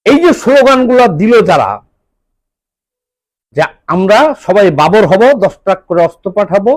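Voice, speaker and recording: A Bangladeshi man with a high-pitched voice speaks as an impassioned political commentator, scolding and hammering his points home with rhetorical questions. His intonation swings widely and lively at a moderate pace. The poor-quality recording is dry and close, with almost no room sound or echo.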